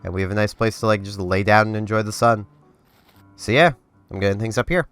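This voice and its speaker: A fast-talking young man with a congested voice on the low side, smooth and fairly bright with fairly even intonation, rambles over gameplay for his gaming channel. He keeps interrupting himself, restarting and dropping fillers. The dry, close recording carries faint game music.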